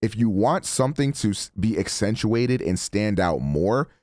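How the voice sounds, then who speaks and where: At a moderate pace, a man with a deep voice relaxes into an informal tutorial on his streaming mic settings, chatty and prone to correcting himself. He's at his home streaming setup using a studio broadcast mic, with studio-quality sound and no echo.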